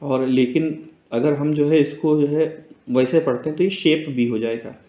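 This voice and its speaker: A man teaching an Urdu writing lesson in a relaxed, spoken way, patiently repeating each word slowly and checking in with his students. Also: a little high, phone-quality sound. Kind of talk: casual spoken lesson, explaining letters on a board. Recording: roomy echo.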